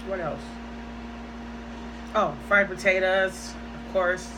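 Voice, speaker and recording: A woman's voice: medium pitch, fairly even intonation, slow pace. Woman chewing as she talks, noisy room. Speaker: mukbang host and home cook. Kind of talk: casual mukbang chat to viewers. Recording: clearly noisy room ambience.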